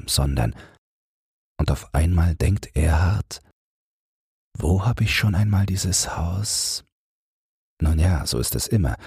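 A man reads a bedtime audiobook with a very deep, breathy, husky voice. His pace is slow and soothing, and the recording is dry and close to the mic. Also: no room sound. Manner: slow, soothing, even reading. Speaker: audiobook narrator. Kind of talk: calm bedtime audiobook reading.

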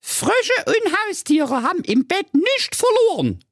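A shrill bratty princess. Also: male voice, sing-song, takes it slowly, a bit bright, dry recording, studio quality, heavily acted. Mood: snippy. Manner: shrill squeaky falsetto, snippy and scornful. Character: bratty spoiled young princess, shrill and rude. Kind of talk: comic fairy-tale parody reading.

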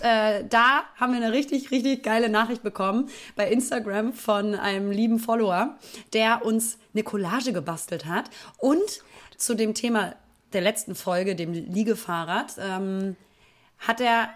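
Young woman, podcast co-host, fairly high voice, playful, teasing, casual. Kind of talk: casual chat.

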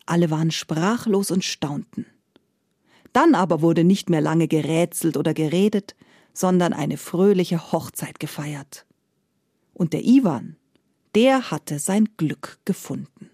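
A woman narrating a fairy tale, lively, acting out the characters' lines. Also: low voice, unhurried, husky, no room sound, clean studio sound. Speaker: storyteller.

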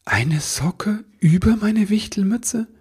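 A man's voice: high voice, normal speed, dark tone, slightly rough, pitched above the performer's own voice. A man voicing a small, shy male Christmas elf in a storybook reading, stammering and half-whispering. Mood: timid.

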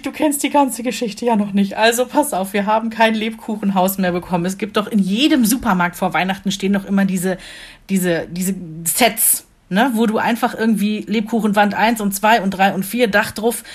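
A woman chatting casually in German, telling lively anecdotes and laughing often. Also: medium pitch. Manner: animated storyteller, laughs often. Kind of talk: casual chat.

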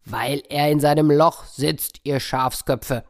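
A man voicing a drunken bear with a deep bass, who grumbles curtly. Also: fairly even intonation, slow pace. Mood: gruff. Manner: grumbling, curt.

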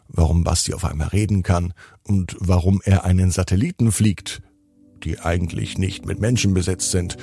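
Gravelly, lilting bedtime storyteller man. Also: low voice, mellow. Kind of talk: children's bedtime story narration.

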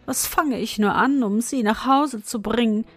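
A woman's voice: on the high side, measured pace, dry recording, soft background music. A woman voicing a frightened young dwarf who pleads with his mother to recognize him. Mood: pleading. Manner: pleading, anxious.

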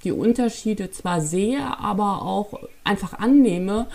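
A woman from Hamburg with a Hamburg German accent, a travel journalist answering interview questions thoughtfully, with frequent filler pauses. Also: mid-range voice, gravelly, a little mellow, slight background noise. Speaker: guest, travel journalist and author.

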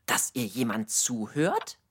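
A woman's voice: a bass voice, big pitch swings, slow, a little hiss or hum, exaggerated voice. A woman voicing a thoughtful young friend who talks in a reflective, coaxing way.

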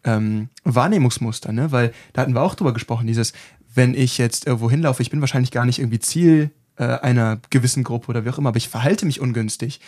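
Fast-talking man explaining things on a podcast. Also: medium pitch, darkish tone. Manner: explaining, quick, with many tag questions. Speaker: podcast co-host and self-defence trainer. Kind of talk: casual podcast chat.

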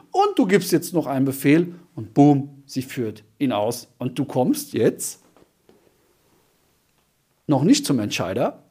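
A man teaching cold calling in a punchy, emphatic way, with sound words like boom and zack. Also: a little mellow, breathy edge. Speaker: cold-calling sales trainer. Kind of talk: instructional sales training talk.

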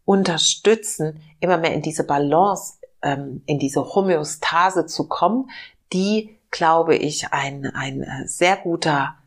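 Speaking slowly in a low voice, a podcast host reflects on self-help topics. She is slightly hoarse from a cold, and her tone stays gentle and searching, with many fillers.

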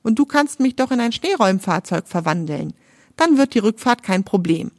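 A woman's voice: medium pitch, big pitch swings, moderate pace, no room sound. A woman voicing a chatty magic motorcycle. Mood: explaining. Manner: chatty, relieved, whiny about boredom. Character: cheerful male magic motorcycle, easily bored.

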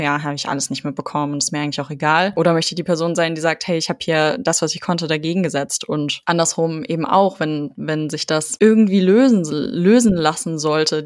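An earnest speaker thinks aloud in long, winding sentences during a casual conversation. The voice sits at a middle pitch and sounds dry and close, with no room echo. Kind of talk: casual chat.

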